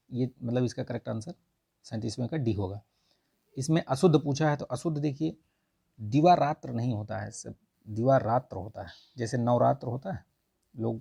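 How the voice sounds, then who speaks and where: A man explaining test answers in a relaxed, chatty lesson, often pausing to check his listeners are following. His voice is gravelly and husky, with a mellow, dark tone. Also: mid-range voice. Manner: conversational, repeats "ठीक है" often. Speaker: exam prep tutor.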